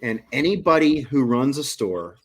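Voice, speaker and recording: A man's voice: medium pitch, lively intonation, normal speed. A man in his forties, a guest on a casual podcast chat, talking with eager, promotional enthusiasm. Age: 40s.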